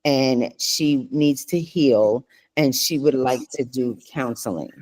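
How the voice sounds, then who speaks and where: A woman's voice: very deep voice, takes it slowly, a little mellow. Earnest, rambling middle-aged woman. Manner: earnest, rambling storytelling with many restarts. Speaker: co-host. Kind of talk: casual chat.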